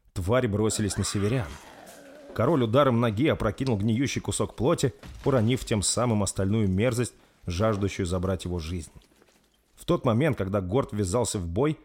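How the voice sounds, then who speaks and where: A man reading a dark fantasy story aloud in a steady, dramatic narration. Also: on the low side, slightly rough. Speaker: audiobook narrator.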